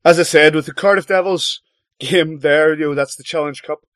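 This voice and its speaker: A man hosting a hockey talk show, animated and swooping up in pitch on his points. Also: normal speed, no echo, studio quality. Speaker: host. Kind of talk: casual sports chat.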